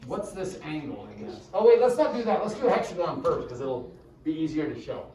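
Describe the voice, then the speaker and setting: A man's voice: fairly high pitch, very animated, a little fast, warm tone. A male math teacher giving a casual classroom lecture and checking in with the class often. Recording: echoey room, mic far off.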